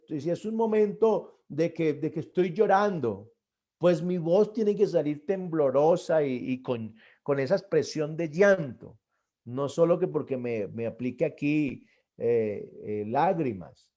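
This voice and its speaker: A middle-aged man giving a church arts lesson on stage performance, earnest, often repeating and restarting his words and pushing key points louder. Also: fairly high pitch. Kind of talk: classroom lecture on stage performance.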